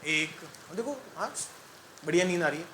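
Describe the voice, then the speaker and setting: A male chemistry teacher runs a lively classroom lesson. His voice sits high and sounds bright. He quizzes students in call-and-response style and throws in jokes and sung mnemonics. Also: normal speed, slight background noise.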